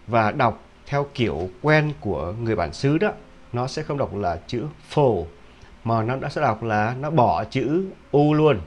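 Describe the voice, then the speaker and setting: A man teaching English pronunciation, repeating each word several times and often stopping to check with a quick question. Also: mid-range voice, a little mellow. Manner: drills words by repetition, with frequent rhetorical "hả?" checks. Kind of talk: video pronunciation lesson.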